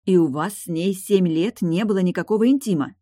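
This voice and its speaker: A woman reading an audiobook, voicing a brash, sharp-tongued retired guardswoman who is mocking, blunt and pushy. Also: fairly low pitch, a little fast, dry recording, clean studio sound, voice pushed up, close to an everyday voice.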